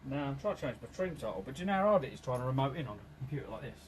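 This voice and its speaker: A man's voice: mid-range voice, expressive, very fast. A man working as a mechanic in a workshop, talking bluntly and casually while he works, sometimes swearing. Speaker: mechanic helping with the van. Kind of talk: casual work talk. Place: vehicle workshop. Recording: distant mic in a noisy workshop.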